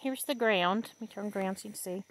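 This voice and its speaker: A woman's voice: mid-range voice, quick pace, a little hiss or hum. A woman in her fifties walks outdoors through a blackberry patch and films a homey, chatty vlog with fillers and easy laughs. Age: 50s. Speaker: vlogger.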